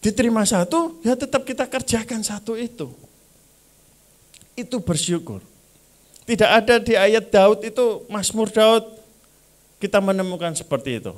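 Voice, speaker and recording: High-voiced pastor. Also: male voice, expressive, moderate pace, pauses often. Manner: acts out prayers and grumbles in small voices; mixes in Javanese phrases. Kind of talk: sermon. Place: church service.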